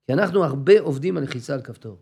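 Gravelly husky man teaching a class. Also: fairly high pitch, lively intonation, warm tone. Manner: acts out dialogues and repeats phrases for emphasis. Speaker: religious teacher. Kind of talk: informal Torah class to a group.

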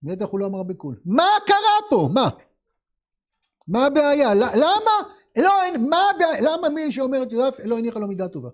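A male teacher leading a classroom text lesson, asking his students many questions in a lively way. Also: very high-pitched.

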